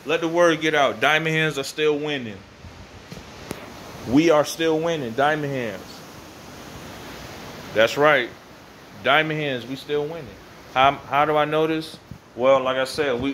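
An American man in his thirties with a bright, forceful voice talks off the cuff like a vlogger. He is slangy and likes to repeat a phrase for emphasis. The phone recording has some faint ambient noise from an open garage. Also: fairly high pitch. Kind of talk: casual rambling vlog to camera. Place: open garage at night, windy weather. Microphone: phone at arm's length.

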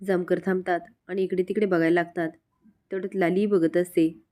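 A woman's voice: lowish voice, brisk. Woman narrating a serial recap. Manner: steady storytelling, tags every quote. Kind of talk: narrated recap, voicing all characters.

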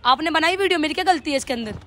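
A man's voice: very high voice, very fast. A man vlogger staging a prank argument, firm and teasing. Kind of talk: prank role-play argument.

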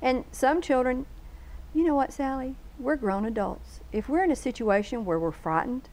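A woman's voice: high-pitched, moderate pace, a little mellow, rough recording. A woman, a guest on a local TV talk show, explaining things earnestly and laying out long lists of questions in a studio. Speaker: homeschool bookstore guest. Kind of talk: casual TV interview chat.

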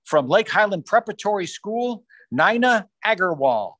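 Man reading awards, slightly high voice. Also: big pitch swings, fairly bright tone, no echo. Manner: measured, formal announcing, rising on school names. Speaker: awards announcer. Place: small room on a video call. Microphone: video call microphone.

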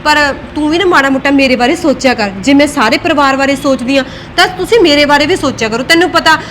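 A high-pitched young wife, played by a woman, who argues with her household and plots aloud to herself in a family drama. The recording carries faint background ambience. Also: quick pace, a bit bright, a little hiss or hum. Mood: lecturing. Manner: argumentative, self-talk plotting. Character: scheming young wife guarding her son's land. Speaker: daughter-in-law. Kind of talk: Punjabi web-series acting.

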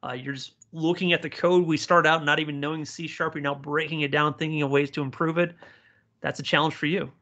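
A man giving an informal live software tutorial, speaking to learners directly and encouragingly as their instructor. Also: fairly high pitch, steady tone, a little fast. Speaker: software instructor, community presenter.

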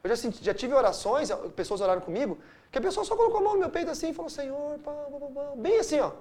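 A middle-aged man from Brazil, a pastor leading a Bible study, telling stories with big swings between loud and hushed. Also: very high voice, very fast. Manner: animated storytelling with wide swings of loudness.

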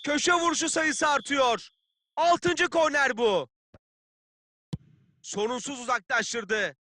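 An actor playing a keen football play-by-play announcer in a video game, calling the match in clipped phrases. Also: male voice, very high-pitched, slow pace, pushed and bright, dry recording, clean studio sound, exaggerated voice. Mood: keen, tense.

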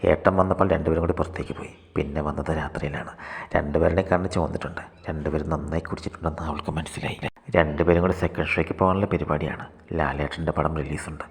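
A man narrating a short story aloud in a steady read-aloud manner. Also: rumbling low, racing. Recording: long hall reverb.

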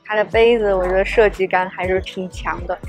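A woman in her thirties from Shanghai, a travel vlogger, talks brightly to her viewers with a Shanghai Mandarin accent, her mid-range voice fairly quick and fairly even in intonation. A small clip-on mic on her shirt records her in a mostly outdoor garden and wooden café, over soft music.

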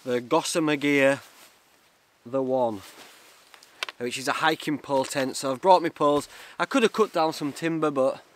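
A man's voice: mid-range voice, normal speed, long pauses, slight background noise. A man in his thirties with a Northern English accent, chatting casually for a camping vlog and muttering asides as he works outdoors. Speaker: wild camping vlogger. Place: outdoors in woods by a ruined brick building.

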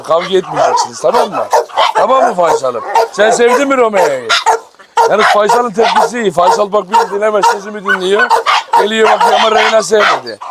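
A man with a slightly high voice hosts a casual vlog outdoors on a dog farm. He talks fondly and coaxingly to his animals between remarks to viewers. Loud barking dogs and outdoor noise fill the background.

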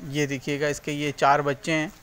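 A man's voice: fairly high pitch, completely flat delivery, brisk, background noise. A man, hosting a casual farming vlog as he walks through an open cattle shed and points things out to his viewers. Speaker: farming channel host. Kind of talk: casual walking tour vlog. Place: outdoors on a road, then inside an open-sided cattle shed.

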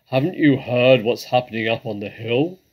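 A man voicing an excitable, blustering male badger from a storybook, with a booming, husky voice and an agitated, exclamatory manner. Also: unhurried, natural voice, low-quality recording. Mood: bewildered, excited.

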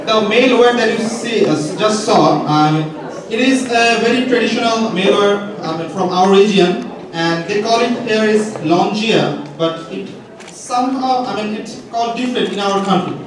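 A man's voice: high-pitched, moderate pace. A young man hosting a live quiz as a game show host, calling up contestants from the stage. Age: young adult. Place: large indoor auditorium stage. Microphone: handheld microphone through PA, recorded by audience camera. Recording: echoey hall from far off, crowd noise.

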